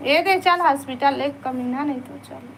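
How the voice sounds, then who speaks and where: A high-pitched woman with a Chhattisgarhi accent talks casually on a phone live stream, pleading with viewers to stay a little longer. Faint background noise runs under her voice. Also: moderate pace, creaky. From Chhattisgarh, India.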